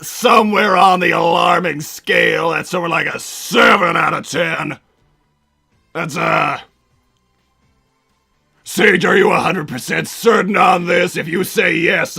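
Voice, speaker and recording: On a livestream, a man improvises as a bombastic, middle-aged mad-scientist villain who is also a doting father, answering viewer messages in character. His voice is raspy and gravelly, a little high and sharp, and he blusters theatrically in full character voice throughout the Q&A.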